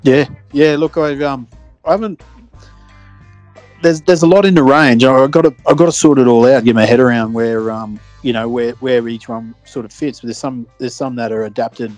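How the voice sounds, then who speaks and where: A man with an average-pitched voice chats casually as a podcast co-host. He sounds easygoing and agreeable, feeling his way through his thoughts with some hesitation. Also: normal speed, darkish tone, no echo, soft background music. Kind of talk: casual chat.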